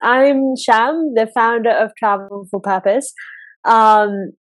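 A woman's voice: a little high, fairly even intonation, takes it slowly, no echo. A woman from Kenya, a business founder and podcast guest, answering questions earnestly with frequent ums and restarts. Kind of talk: interview answers. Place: home in Kenya.

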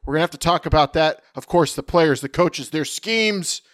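A man co-hosting a casual sports podcast, energetic and chatty, running through questions and sponsor reads. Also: fairly high pitch, moderate pace, no room sound, studio quality. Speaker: podcast co-host. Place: at home, remote recording.

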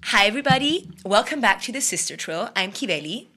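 A woman's voice: mid-range voice, animated, brisk, sharp tone, faint music behind. A woman co-hosting a podcast, talking conversationally in an explanatory way and carefully qualifying her points. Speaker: podcast co-host.

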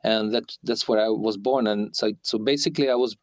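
A man in his forties, raised in Ukraine and now living in Sweden, speaking as an interview guest. He talks in a halting way, full of restarts and fillers. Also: fairly low pitch, no echo. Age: 40s. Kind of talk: hesitant conversational interview.

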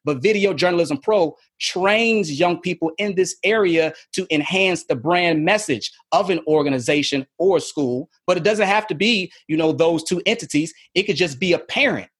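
A man's voice: on the high side, normal speed, hardly any pauses, a bit bright, husky. A middle-aged man, a guest on a podcast, talking eagerly and fluently about his work. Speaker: guest, media trainer. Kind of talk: enthusiastic interview talk.

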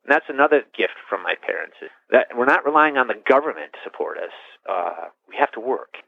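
A middle-aged man, a priest, telling his story in an interview, rambling and animated, restarting sentences and laughing. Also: mid-range voice, quick pace, creaky, no room sound. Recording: tinny phone-line sound.

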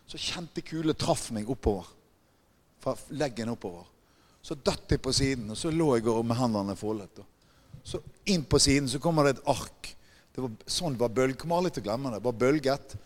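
A man preaching a sermon, emphatic and often putting questions to the congregation. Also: mid-range voice. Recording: long hall reverb.

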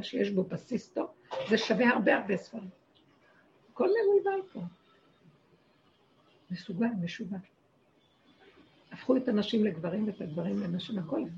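Gravelly-voiced woman teaching a religious lesson. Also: mid-range voice, a little mellow, dull audio, a little hiss or hum. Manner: emphatic, short repeated phrases. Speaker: spiritual teacher.

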